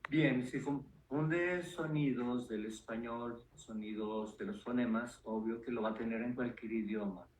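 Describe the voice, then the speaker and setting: Calm explaining man, roomy echo. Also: mid-range voice, unhurried, hardly any pauses. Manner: calm, explanatory, with frequent fillers. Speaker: neuropsychologist guest. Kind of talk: explanatory interview talk. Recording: roomy echo with faint noise.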